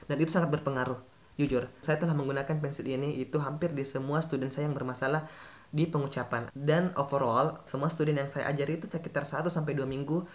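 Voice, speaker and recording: A man talks viewers through study tips as an English tutor. His delivery is casual and chatty, and he often stops to correct himself mid-sentence. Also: medium pitch. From Makassar, Indonesia. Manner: chatty, addresses viewers directly, frequent self-corrections. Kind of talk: casual teaching vlog.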